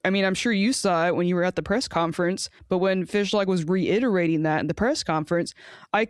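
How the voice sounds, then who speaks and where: A woman's voice: on the low side, fairly quick, smooth, dry recording, clean studio sound. A woman co-hosting a casual sports podcast, blunt and frustrated, swearing and laughing as she talks. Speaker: podcast co-host.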